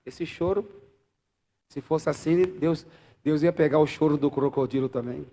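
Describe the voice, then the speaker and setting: Brazilian pastor guy preaching live, kinda high voice, goes loud then quiet, jokes w the church. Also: steady tone, normal speed. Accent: Brazilian Portuguese. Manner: swings between loud exclamations and quiet asides, bantering with the congregation.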